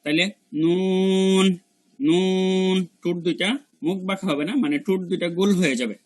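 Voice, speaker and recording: A man. He repeats each letter sound again and again, drawing it out slowly so learners can follow. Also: high voice. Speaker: Quran pronunciation teacher. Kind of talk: spoken lesson on letter pronunciation.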